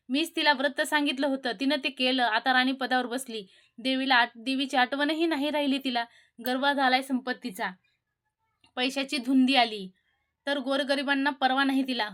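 A woman's voice: high voice, a bit bright. A woman voicing an indignant old beggar woman. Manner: scolding, bitter. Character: angry old beggar woman, a goddess in disguise.

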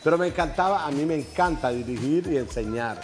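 Chatty, effusive TV host. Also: male voice, on the high side, animated, brisk, soft background music. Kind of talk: casual chat interview. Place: TV set in a betting lounge.

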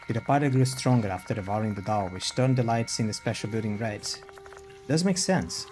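A man's voice: on the low side, lively intonation, a little fast, darkish tone, faint music behind. A man streaming a game, reading its text aloud and adding casual commentary.

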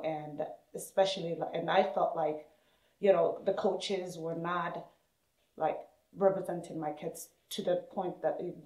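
Echoey storytelling woman from Somalia. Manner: animated, acts out quoted speech with rising pitch. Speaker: interviewee, hockey parent and player. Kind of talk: personal storytelling in an interview. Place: indoors in a room with equipment shelves. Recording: roomy, echoey indoor sound.

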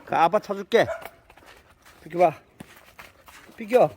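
A man's voice: high-pitched, slow, darkish tone, a little hiss or hum. A man playing with his dogs outdoors, coaxing and scolding them in baby talk and calling himself their dad. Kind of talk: casual talk to pets. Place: outdoors in a garden plot.

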